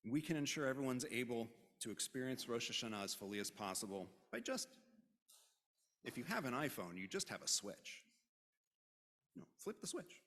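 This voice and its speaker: Service leader, male, mid-pitched, wry asides while giving announcements, worship-hall reverb. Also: very animated, moderate pace, fairly bright tone. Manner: joking, informal asides. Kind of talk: conversational announcements at a religious service.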